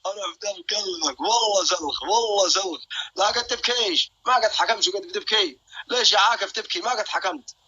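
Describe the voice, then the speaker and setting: A man's voice: high voice, fast talker, sharp tone, husky, dull audio. A young man hosting a live stream. He jokes, boasts and keeps calling out to his viewers.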